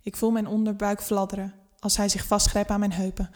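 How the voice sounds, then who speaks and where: A woman narrates a first-person erotic story, unhurried and intimate. Her reading is scripted and steady, and it drops to a near hush at times. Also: mid-range voice.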